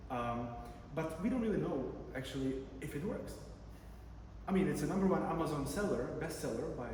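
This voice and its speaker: Speaking in a darkish, medium-pitched voice, a Czech man presents his PhD research at an academic conference. His talk is conversational and full of fillers and false starts. The sound comes from a distance in a large, echoing conference room with background noise.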